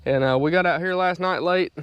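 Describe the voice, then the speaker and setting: A man's voice: sits high, fairly quick, clean tone, no room sound, highs cut off. A man with a Southern US accent hosts a farming vlog, chatting in a casual, folksy, plain-spoken way. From North Carolina. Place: outdoors on farm and in tractor cab. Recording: loud engine and vehicle noise.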